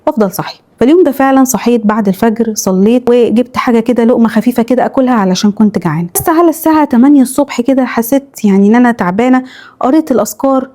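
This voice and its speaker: A woman with an Egyptian accent narrating horror stories in a quick first-person retelling. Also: fairly high pitch, mellow. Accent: Egyptian Arabic. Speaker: storyteller reading followers' horror stories.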